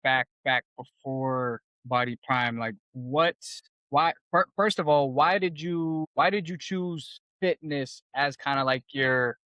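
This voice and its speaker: A man's voice: medium pitch, slow, hardly any pauses, pushed and bright, smooth, no room sound, muffled recording. A man hosting his podcast, asking questions in a laid-back, slangy way, full of "like" and "kinda". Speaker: podcast host. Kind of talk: casual interview conversation.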